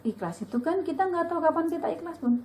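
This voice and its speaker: A middle-aged woman giving a casual religious talk to a women's study group, lively and chatty, acting out bits of dialogue. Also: fast, rough recording. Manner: lively, chatty, acts out dialogue with sudden high pitch.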